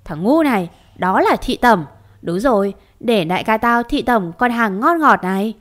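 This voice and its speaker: A woman's voice: on the high side, animated, normal speed, a bit bright. A woman reading an audio story, voicing a coarse, bullying male gangster who collects a debt. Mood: sneering. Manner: crude and mocking.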